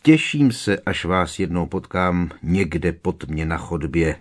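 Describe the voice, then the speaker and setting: A man voicing a gruff, grizzled older male dark-wizard hunter who growls slowly and menacingly, in an audiobook reading. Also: low-pitched, lively intonation. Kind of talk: audiobook character voice.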